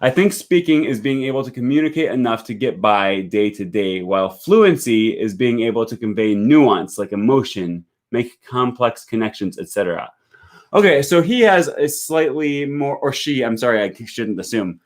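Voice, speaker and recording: A man from the United States hosts a language-learning live stream, his mid-range voice lively in intonation and normal in speed. He thinks aloud while reading viewer comments, with many fillers and restarts.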